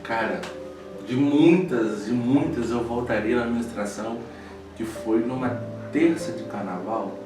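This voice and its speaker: A young preacher tells his story with feeling and laughs at his own past, recorded from a distance. His voice rings around a very echoey room. Soft music plays behind him. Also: mid-range voice, a little slow. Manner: storytelling, emotional, laughing at himself. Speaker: preacher guest. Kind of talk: casual chat.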